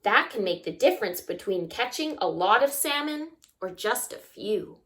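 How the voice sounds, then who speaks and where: At a moderate pace and on the high side, a woman leads story time by reading a picture book aloud to small children. She performs the sounds with expression and breaks off for asides and questions to the kids.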